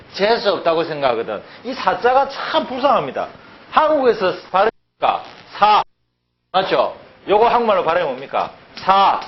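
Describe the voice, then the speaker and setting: A man teaching a language class, lively and drilling words by repeating them with rhetorical questions. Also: high-pitched. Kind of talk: classroom lecture. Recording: dull lo-fi sound, faint background noise.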